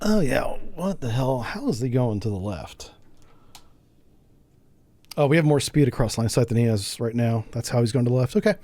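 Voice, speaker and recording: A man streaming a game, chatting casually with his viewers, joking, laughing often and thinking out loud. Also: medium pitch, lively intonation, moderate pace, pauses often, no room sound. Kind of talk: casual live gameplay commentary.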